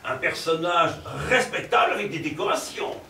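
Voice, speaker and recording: A male stage actor playing a fussy, lecherous middle-aged provincial professor in a live farce, with theatrical, excitable delivery and chuckling asides to the audience. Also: on the high side, moderate pace, a little hiss or hum. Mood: comic. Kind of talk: live stage comedy performance. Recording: roomy stage sound from a distant mic.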